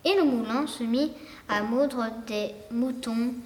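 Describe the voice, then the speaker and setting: A woman tells a fairy tale in a high, soft voice, taking her time with each sentence. The recording sounds roomy, with a long reverb hanging after her words. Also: slow pace. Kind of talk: storybook narration. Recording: echoey room with long reverb.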